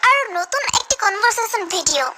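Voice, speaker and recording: A woman with a very high, lively voice welcomes viewers to the channel. She talks slowly, and a loud hiss runs under the recording. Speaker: channel host. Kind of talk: channel intro.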